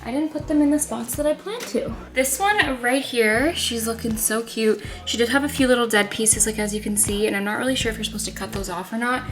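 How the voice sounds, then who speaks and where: A woman's voice: a little high, a little fast, few pauses, roomy sound, soft background music. A young woman in her twenties chatting casually in a home vlog, upbeat and full of "like" and "um.". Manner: chatty, upbeat, many fillers like "like" and "um". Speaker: vlogger. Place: inside a home.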